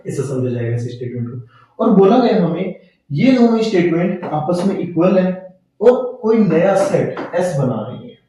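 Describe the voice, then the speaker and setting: A male maths teacher explains a lesson step by step. He asks questions, answers them himself, and reads the question text slowly, word by word. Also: high-pitched, sing-song, dark tone, far from the mic. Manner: asks questions then answers them himself, mixing English terms into Hindi. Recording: echoey room, voice off-mic.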